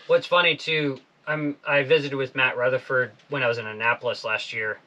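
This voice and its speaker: A man in his forties hosting a casual interview in a small boat cabin, talking in a relaxed, laid-back way. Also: mid-range voice, a little fast, highs cut off. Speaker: podcast host.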